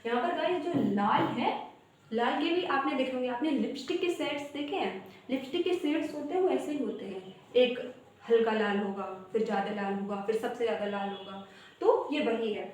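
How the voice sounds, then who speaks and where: Speaking fairly quickly in a fairly high, slightly mellow voice, a woman runs an online English grammar coaching session in a very echoey room. She breaks everything down step by step, says "guys" to viewers, and chants word lists in a sing-song way.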